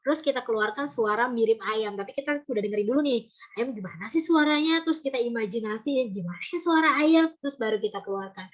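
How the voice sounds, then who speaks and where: A woman who coaches storytelling talks in a fairly high, animated voice, running a casual workshop. She's lively and keeps breaking into quick demos of different voices and intonations.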